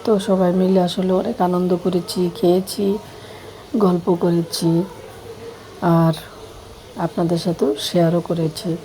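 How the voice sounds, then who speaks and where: A middle-aged woman with a slightly hoarse voice, chatting easily and rambling as she talks to her viewers. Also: on the low side, flat delivery, a little slow, pauses often, slight background noise, low-quality recording. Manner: easygoing, rambling, warm well-wishing to viewers. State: hoarse at night. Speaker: vlogger. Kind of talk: casual vlog narration.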